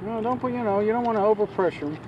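High-voiced man coaching from a kayak. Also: very fast, muffled recording, background noise. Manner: calm, coaxing, repeats "buddy". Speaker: fishing guide and channel host. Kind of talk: encouraging coaching while filming. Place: open ocean on a kayak.

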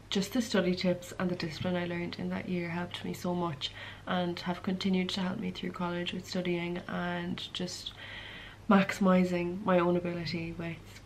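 A creaky, fairly low voice belongs to a content creator in her early twenties with a west of Ireland accent, casually answering questions to camera for a Q and A vlog. The recording is rough, with a little hiss or hum.

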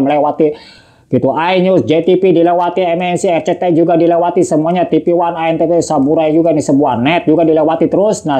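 Rapid-fire man with slang. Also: fairly high pitch, warm tone. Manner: rushed, repetitive, chatty, says he talks too fast. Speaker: tech tutorial host. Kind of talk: casual how-to demonstration.

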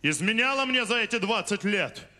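Пафосного Ломоносова, очень высокий голос. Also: male voice, high voice, animated, normal speed. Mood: wounded, indignant. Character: pompous scholar Lomonosov, back visiting his village. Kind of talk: stage sketch comedy. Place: large theatre stage with audience. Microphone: handheld microphone. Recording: echoey big hall with music.

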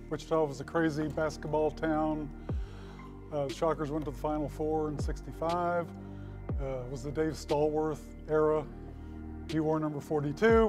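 A man near seventy speaks into a podium microphone in a school hall, his voice pitched a little high for a man. He tells stories from his youth in an easygoing, folksy way, slipping in dry, understated jokes. Faint music sits far behind him. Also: darkish tone. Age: 60s. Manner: folksy storytelling with dry humor. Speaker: hall of fame inductee. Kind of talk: acceptance speech. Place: school hall with brick walls.

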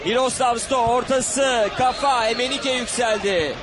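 A man's voice: extremely high pitch, a little slow. A man commentating live on a football match. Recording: loud noisy stadium crowd. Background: loud stadium crowd.

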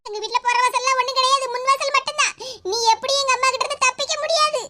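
A nervous cartoon daughter talks in a Kanyakumari Tamil accent. Her voice is very high and bright, and her words come out hushed and worried. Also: fairly even intonation, quick pace. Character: anxious young woman, the daughter Malar.

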